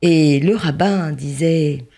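A storyteller narrating a tale with expressive, lively delivery. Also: mid-range voice, slow pace, creaky.

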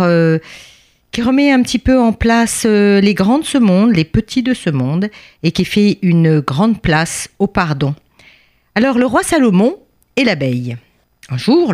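A woman storyteller narrating a tale for children in an expressive, playful way. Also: on the low side.

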